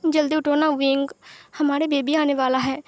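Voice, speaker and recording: A woman's voice: sits high, little pitch movement, moderate pace, no room sound, close to an everyday voice. A woman voicing a young man who is a tender, devoted husband, speaking affectionately and coaxingly.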